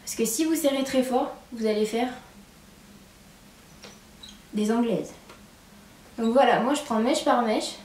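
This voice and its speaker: Talking through a hairstyling tutorial at home, this young woman keeps things casual and chatty, filling gaps with "hop" and "voilà". Her voice sits on the high side, with a regional French accent featuring a marked "hein". She's recorded from a distance in an echoey room with a little background noise.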